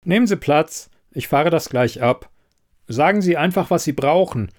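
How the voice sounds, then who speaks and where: A man's voice: on the high side, lively intonation, moderate pace, voice pushed up, lightly acted. A man reading the part of a polite, slightly evasive male TV quiz host in a read-aloud story.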